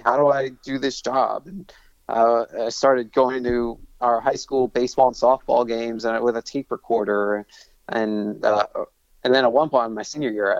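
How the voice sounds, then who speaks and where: A man's voice: medium pitch, no room sound. Enthusiastic man talking sports, muffled sound. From Long Island, New York. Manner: enthusiastic, many restarts and fillers. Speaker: sports broadcaster guest. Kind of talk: casual interview talk.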